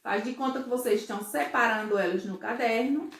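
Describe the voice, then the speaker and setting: A woman's voice: fairly high pitch, vocal fry, a bit bright, echoey room. A woman teaching a first-grade class in Brazilian Portuguese, speaking patiently and often checking that the children follow. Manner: slow, patient, asks children "certo?" and "ó" often. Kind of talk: recorded remote class for young children.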